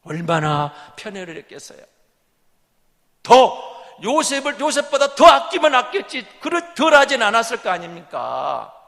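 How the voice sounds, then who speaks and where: A male pastor preaching a sermon, dramatic and swinging between whispers and loud exclamations. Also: very high-pitched, very animated, unhurried, vocal fry, big-room sound. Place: church sanctuary.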